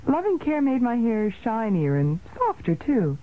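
Upbeat mom selling stuff on radio, animated, thin phone-like audio. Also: female voice, on the high side, measured pace. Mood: cheerful. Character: cheerful mother in a hair color commercial. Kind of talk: scripted radio commercial testimonial. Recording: tinny, narrow-band radio recording.

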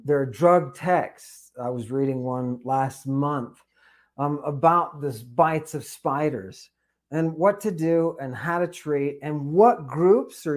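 A man talking as a podcast guest, animated, with many fillers and questioning "right?" tags. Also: fairly high pitch. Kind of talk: conversational podcast discussion.

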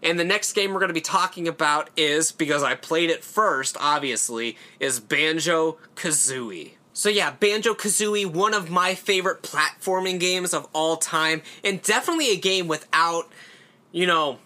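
Bright, chatty young man rambling. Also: a little high, moderate pace. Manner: rambling, conversational, uses fillers and swearing. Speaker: horror channel host. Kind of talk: casual solo commentary.

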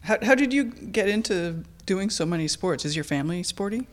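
A woman's voice: medium pitch, animated, moderate pace. A woman interviewing someone casually, asking curious follow-up questions and giving brief affirmations.

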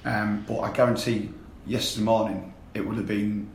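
Man, croaky voice, halting speech, low flat pitch, faint background hum. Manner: hesitant, repeats words, flat delivery. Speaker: podcast guest, football fan. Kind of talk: casual football podcast chat. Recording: echoey room with faint ambience.

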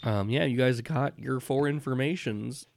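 A man working as game master, improvising tabletop narration in a casual, halting, descriptive way. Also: medium pitch, vocal fry, background noise. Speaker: game master and podcast host.

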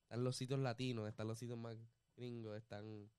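A man's voice: mid-range voice, flat delivery, a little fast, a little mellow, clean tone, no echo. A man co-hosting a casual podcast chat, tossing English words into his Spanish as he jokes about dating. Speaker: podcast host. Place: Miami.

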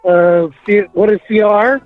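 A man's voice comes through a speakerphone into the studio, thin and phone-like, sitting high in his register. He answers a quiz host in short, flustered replies. A little music runs faintly underneath. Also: normal speed. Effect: heard over a speakerphone line. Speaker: caller to a radio quiz. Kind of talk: call-in game contestant. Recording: tinny phone line into a radio studio.

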